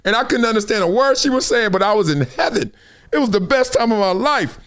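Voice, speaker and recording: This show host, a middle-aged man from South Central Los Angeles with an American accent, mixes storytelling with loose, slang-filled jokes. He talks a little fast in a high, fairly bright voice with lively intonation.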